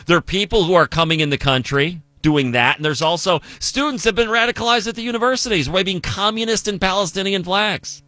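A man's voice: sits high, brisk, few pauses, bright, forceful tone, no room sound. A man from the United States hosting a political commentary show, talking emphatically and asking rhetorical questions.

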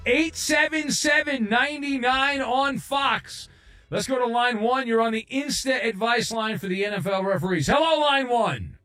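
A man hosting a live sports call-in radio show, talking to callers with a smooth, easy radio host delivery. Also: very high-pitched, a little slow, pushed and bright, soft background music.

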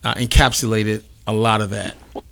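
A man's voice: fairly low pitch, little pitch movement, a little fast, vocal fry, a bit bright, slight background noise. A man hosting an interview, asking long, rambling questions with many repeated words and restarts. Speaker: interview host.

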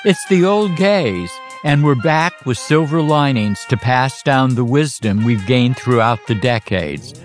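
Man, promo read, mid pitch, faint guitar music behind. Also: lively intonation, measured pace, few pauses. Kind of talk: podcast promo.

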